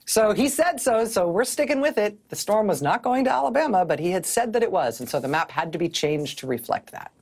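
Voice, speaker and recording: A woman's voice: medium pitch, sing-song, fairly quick, hardly any pauses, a little mellow, breathy edge. A middle-aged woman hosting a televised news commentary, speaking in a wry, sardonic way on a studio mic. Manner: wry, sardonic, often laughing mid-sentence.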